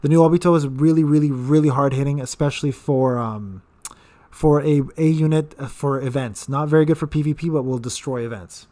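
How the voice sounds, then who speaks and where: His voice is a little high with a dark tone, and he talks a little fast. The man, in his thirties, hosts a gaming channel's casual live-stream Q&A, rambling with fillers and repeated words.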